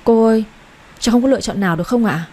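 Woman doing a scared polite young girl, pleading, husky. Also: on the high side, rapid-fire, dark tone, natural voice. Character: timid young woman, the heroine, nervous.

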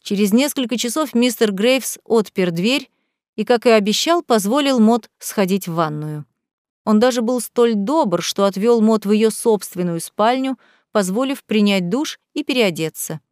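A woman reads a novel aloud in a measured, even storytelling voice. Her pitch sits in the middle range. The recording is close and dry. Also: dry recording. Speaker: narrator. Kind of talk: audiobook narration.

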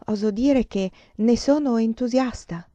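A woman's voice: fairly high pitch, measured pace, warm tone, no room sound, lightly acted. A woman voicing a proud, despairing woman who speaks with anguish and pleading, in a dull lo-fi recording.

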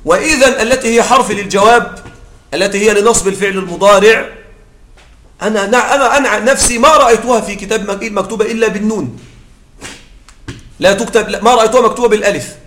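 A man with a fairly high voice gives a grammar lesson, explaining step by step. He keeps asking his students whether they follow and often breaks off mid-word to restart. The room around him rings with echo. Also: quick pace, fairly bright tone, a little hiss or hum. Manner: explanatory, checks in with listeners often. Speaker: grammar teacher. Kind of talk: Arabic grammar lecture.

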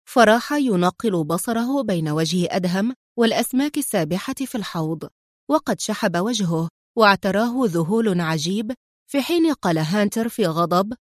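A woman reading a thriller story aloud as narrator in an even, dramatic manner. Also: mid-range voice, no echo, studio quality.

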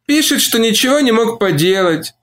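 A man's voice: extremely high pitch, lively intonation, moderate pace, fairly bright tone, pitched above the performer's own voice. A man reading an audiobook, voicing a grief-stricken, weeping woman who moans and pleads through her tears. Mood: despairing. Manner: moaning, tearful pleading.

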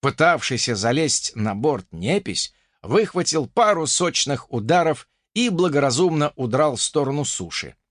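Expressive male audiobook narrator. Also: mid-range voice, normal speed, no room sound, studio quality. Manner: expressive storytelling. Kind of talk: first-person audiobook narration.

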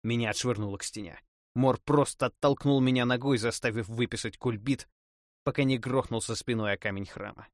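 A man narrating a first-person fantasy audiobook in a dramatic, expressive reading. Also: medium pitch, fairly quick, dry recording, clean studio sound.

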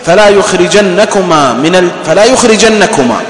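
A man preaching in a mosque in a lively way, mixing formal and everyday speech. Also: sits high, normal speed. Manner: lively, swings from loud to quiet, mixes formal and colloquial speech. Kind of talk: mosque sermon. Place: mosque hall. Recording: echoey mosque hall with long reverb.

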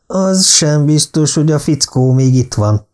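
A man's voice: fairly high pitch, lively intonation, a little mellow, clean tone, pitched above the performer's own voice, natural voice. A man voicing a doubtful, wounded middle-aged businessman who keeps questioning, in an audiobook. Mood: skeptical.

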